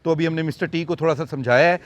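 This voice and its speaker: A man's voice: on the high side, rapid-fire, lo-fi sound. A man giving casual, rambling vlog commentary outdoors at an animal farm. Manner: chatty, rambling, with many fillers. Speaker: vlogger and animal farm keeper.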